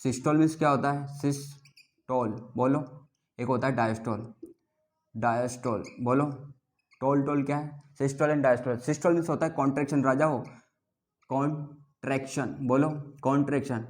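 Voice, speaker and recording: A male biology teacher leads a classroom lecture in call-and-response, having students chant terms back after him. His voice sits at a middle pitch, and he keeps up a teasing, playful patter as he mixes with terms. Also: fairly even intonation, fairly quick.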